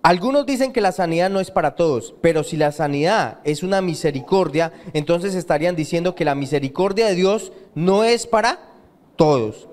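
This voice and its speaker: A man preaching a sermon as pastor in a church, emphatic, repeating key phrases and pausing for the congregation to fill in his questions. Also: fairly high pitch, a little mellow. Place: church sanctuary.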